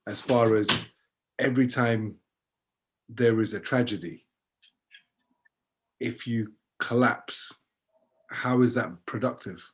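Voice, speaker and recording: A man's voice: mid-range voice, slow, pauses often. A man interviewing, speaking emphatically and motivationally with rhetorical questions. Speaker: interviewer and coach. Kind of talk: conversational interview.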